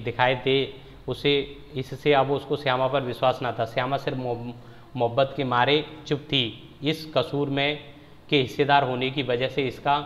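A man's voice: mid-range voice, fairly bright tone. A male teacher reading a story aloud and then explaining it in simple words. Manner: reads the text, then explains it in plain words. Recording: echoey, dull lo-fi recording.

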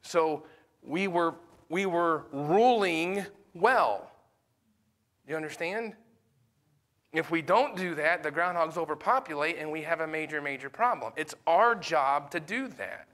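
A pastor with a fairly high-pitched voice and lively intonation teaches a Sunday school class, speaking a little slowly in a slightly bright tone. His style is conversational and full of fillers, and he often puts questions to the class.

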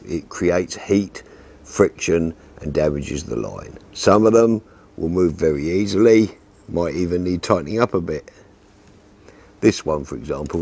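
Calm, methodical older man teaching. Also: low voice, gravelly, breathy edge. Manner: calm, methodical, practical explanations. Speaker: fishing instructor. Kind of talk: step-by-step tutorial. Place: outdoors in a fenced garden, seated at a table.

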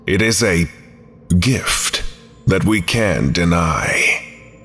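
A man's voice: deep voice, expressive, extremely slow, a bit bright, faint music behind, pitched below the performer's own voice, full character voice. A man reading the lines of a solemn hazmat-suited humanoid entity in a grave, clipped, matter-of-fact way.

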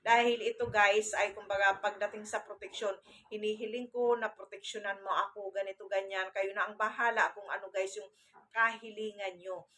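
A bright-voiced woman talking straight to her camera at home. She chats in a loose, rambling way, keeps calling her viewers "guys" and often breaks off to restart a sentence. Her pitch sits in the middle of the range. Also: steady tone, normal speed. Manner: chatty, says "guys" often, many restarts. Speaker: vlogger on amulets and folk spirituality. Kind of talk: casual talk to camera.

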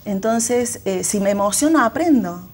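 Argentine woman, school director type; measured, reflective, restarts often. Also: medium pitch, animated. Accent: Argentine Spanish. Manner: thoughtful, many fillers and restarts. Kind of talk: reflective interview answers.

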